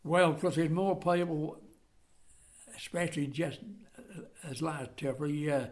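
An elderly man with a broad Suffolk accent, chatting casually in a halting, rambling way with rustic dialect turns of phrase. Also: a little high. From Suffolk, England. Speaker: care home resident being interviewed. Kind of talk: casual reminiscing chat.

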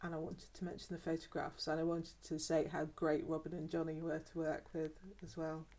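A low-pitched, darkish voice with a completely flat, brisk delivery belongs to an English woman in her fifties who once worked in archives. In an oral history interview she speaks hesitantly and repeats words often, in a mixed accent that is mostly southern English.

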